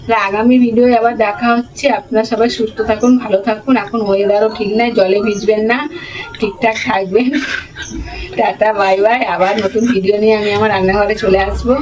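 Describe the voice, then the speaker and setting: A woman giving a home cooking demonstration, talking slowly and softly because she is unwell, in her kitchen. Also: mid-range voice, level tone, crowd noise, low-quality recording.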